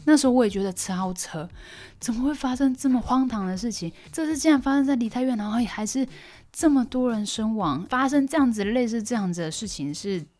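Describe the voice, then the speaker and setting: A woman's voice: mid-range voice, darkish tone. A young woman hosting a casual solo podcast. She tells stories expressively, and her voice jumps up when she is surprised. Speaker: podcast host.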